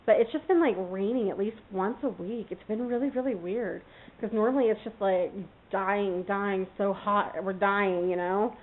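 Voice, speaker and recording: A woman's voice: mid-range voice, moderate pace. Woman vlogger from California, rambling casual chat, thin phone-like recording. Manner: rambling, many fillers, talks to her puppy. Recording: tinny phone-like sound.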